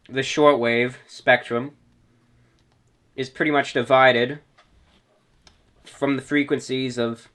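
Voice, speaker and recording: With a fairly bright, mid-range voice, a man running a radio hobby program walks his audience through things one step at a time, keeping it casual and instructive.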